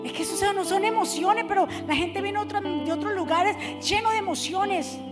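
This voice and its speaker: A woman preaching a sermon in a church, building from calm teaching to fiery shouting and acting out the voices of the people she describes. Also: extremely high pitch, a little fast. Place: church sanctuary. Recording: reverberant church hall with music behind.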